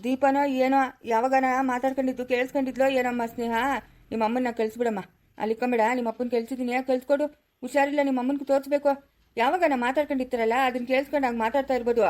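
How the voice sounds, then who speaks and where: A woman's voice: high-pitched, steady tone, racing, darkish tone, close to an everyday voice. A woman playing a stern old village grandfather who scolds his son and soothes his granddaughter in a family drama skit. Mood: soothing.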